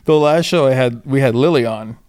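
A man's voice: mid-range voice, fairly quick, darkish tone, clean tone, no echo, clean studio sound. A man hosting a show with casual, jokey banter and a chuckling way of talking. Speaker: podcast host.

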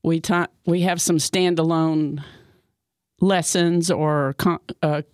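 A woman's voice: low voice, fairly even intonation, slow, a little mellow, dry recording. A woman, hosting a radio talk show in a chatty, bubbly manner with many fillers. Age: 60s. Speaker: radio host. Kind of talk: casual radio chat. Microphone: studio mic. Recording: dry studio sound.

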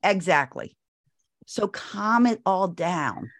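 This is an older woman with a fairly low voice, giving parenting advice in an interview. She is firm and instructive and circles back to repeat her key points. The sound is dry, with no room echo. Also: animated, slow. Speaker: parenting expert guest.

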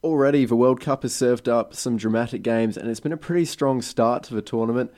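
A man's voice: medium pitch, fairly quick, a little mellow, a faint crowd. A man hosting a football podcast, steering the talk and setting up topics for his co-hosts. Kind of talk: casual football chat.

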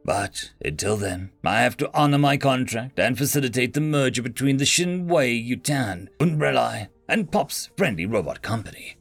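A man's voice: mid-range voice, lively intonation, normal speed, few pauses, faint music behind. A man doing a nervous young corporate human. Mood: businesslike. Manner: stammering, pleading, then smoothly businesslike.

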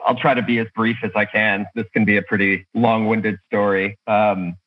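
A man's voice: fairly low pitch, level tone, moderate pace, lo-fi sound. A man speaking as a podcast guest, casually telling his own story over a remote call.

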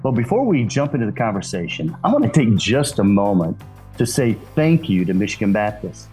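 Husky-voiced male podcast host. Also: lowish voice, very animated, fairly quick, a little mellow, faint music behind. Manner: friendly, earnest introductions. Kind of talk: podcast hosting.

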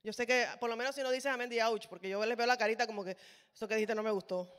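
A woman's voice: on the high side, steady tone, fast talker, a bit bright. A woman preaching a sermon in a church hall. She speaks with passion and builds to emphatic rhetorical questions. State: sweaty, toweling off. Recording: long reverb of a large hall.

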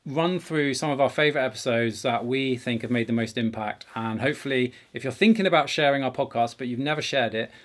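A man's voice: mid-range voice, fairly quick, few pauses. A middle-aged man hosting a conversational podcast from a home garage, speaking in an earnest, emphatic way. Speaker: podcast host.

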